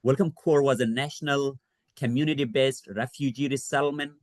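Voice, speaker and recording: A man's voice: medium pitch, fairly even intonation, dry recording. Earnest man from Afghanistan presenting. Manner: earnest, measured, with frequent fillers. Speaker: refugee services associate director. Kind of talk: library presentation.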